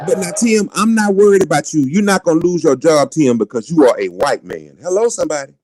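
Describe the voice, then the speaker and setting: A man hosting a casual live stream, talking in an animated, mocking way and repeating his phrases for effect. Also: fairly high pitch, a little fast.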